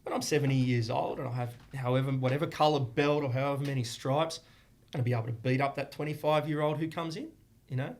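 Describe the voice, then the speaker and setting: A man's voice: medium pitch, steady tone, fast. A man, a martial arts academy owner and guest on a podcast, speaking earnestly in long flowing explanations. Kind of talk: casual podcast interview.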